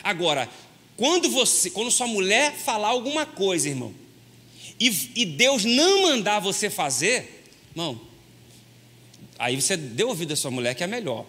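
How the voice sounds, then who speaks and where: A man preaching a lively, joking sermon as pastor, folksy and constantly addressing his listeners as brother. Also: high-pitched, normal speed, long pauses. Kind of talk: lively sermon with humorous stories. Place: church hall. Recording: long hall reverb.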